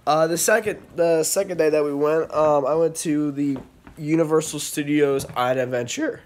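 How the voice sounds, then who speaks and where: A young man chatting casually to his vlog audience while feeling unwell, rambling with lots of fillers and clearing his throat. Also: on the high side, steady tone, moderate pace, darkish tone. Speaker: vlogger. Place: outdoors in heavy rain, then indoors.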